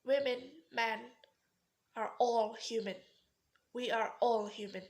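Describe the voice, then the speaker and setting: A young woman from Indonesia with an Indonesian accent, giving a rehearsed formal speech as a student in earnest, pausing style with slips and restarts. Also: on the high side, steady tone. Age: young adult.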